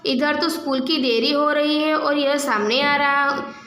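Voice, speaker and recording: A woman's voice: high-pitched, fairly even intonation, unhurried, fairly bright tone. Woman doing a rude, impatient schoolboy. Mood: scornful. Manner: curt, brushing off. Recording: echoey room, faint noise.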